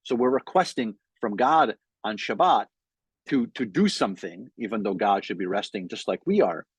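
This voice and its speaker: A man's voice: lowish voice, expressive, normal speed, slightly rough, no echo. A man giving a weekly sermon as a rabbi, talking conversationally with frequent fillers and restarts. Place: in front of a Hebrew sign, dry room.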